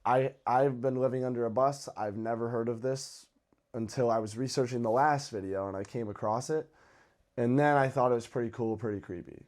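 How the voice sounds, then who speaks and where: Hosting a horror video channel, a man offers casual, conversational commentary in a brisk, medium-pitched voice with a darkish tone. Guitar music plays in the background.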